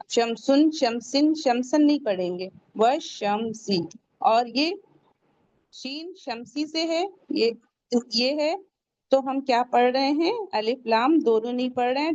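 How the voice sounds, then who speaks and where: A woman teaching recitation, speaking slowly and patiently in a fairly high voice. She explains each rule step by step, asks questions and answers them herself, and draws out the Arabic words with care. The recording is dry and a little dull. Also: darkish tone, dry recording. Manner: slows down to pronounce Arabic words carefully. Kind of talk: tajweed lesson.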